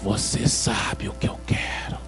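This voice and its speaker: A man voicing a long-haired young stranger who pleads in a hushed, urgent voice. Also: high voice, sing-song, normal speed, gravelly, music in the background, exaggerated voice. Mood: secretive.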